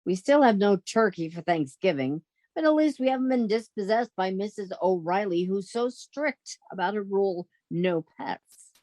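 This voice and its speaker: A woman's voice: medium pitch, animated, normal speed, a little mellow, no room sound, lightly acted. A woman playing a sensible, wry young roommate who narrates a 1940s-style radio comedy. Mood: wry, fond. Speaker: actress in theatre company.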